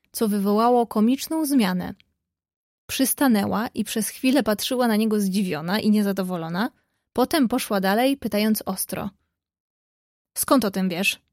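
A woman narrating a novel as an audiobook reader, in a calm, measured reading. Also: mid-range voice, no echo, clean studio sound. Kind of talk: scripted narration.

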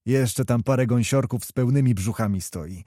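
A man's voice: medium pitch, moderate pace, warm tone, dry recording, studio quality, close to an everyday voice. A man voicing a hearty, coaxing outlawed male nobleman.

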